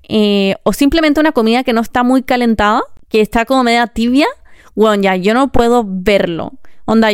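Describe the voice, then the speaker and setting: A young Chilean woman vents about her pet peeves in a casual vlog, cursing freely and speaking in fast bursts with pauses between them. Her voice sits a bit high and sounds very clean. The recording is dry and close, with no room echo. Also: clear, resonant tone. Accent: Chilean Spanish. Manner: expressive, swears often, quick bursts and pauses. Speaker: vlogger.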